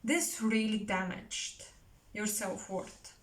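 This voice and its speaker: A woman giving an intuitive tarot reading straight to the viewer, halting and searching for words, earnest and emotional. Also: mid-range voice, fairly even intonation, low-quality recording. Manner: slow, halting, searching for words with many restarts. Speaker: tarot reader.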